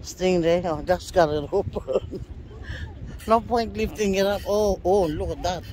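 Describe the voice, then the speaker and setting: A woman's voice: fairly low pitch, warm tone, slight background noise. A woman filming a fishing trip on a seaside pier with a phone, narrating casually and laughing often. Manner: chatty, laughs often, slow and simple phrasing. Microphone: handheld phone camera.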